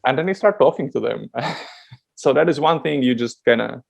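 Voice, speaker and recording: Gravelly, laughing man from Latvia. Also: medium pitch, expressive, normal speed, darkish tone. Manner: chatty, laughs often, many restarts. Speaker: guest, dating coach. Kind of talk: casual podcast chat.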